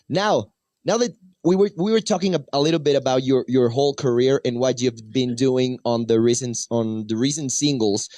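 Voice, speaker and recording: A male radio host, interviewing a guest and asking long, halting questions that repeat words. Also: medium pitch, darkish tone, no room sound, studio quality. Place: radio booth.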